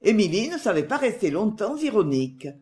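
An audiobook narrator giving a measured, expressive reading of a novel. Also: medium pitch. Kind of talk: literary narration.

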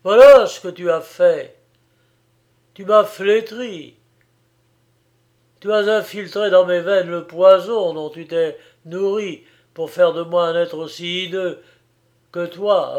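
A man reading an audiobook, voicing a furious young man who lashes out in loud, raging outbursts. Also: a little high, steady tone, takes it slowly, few pauses.

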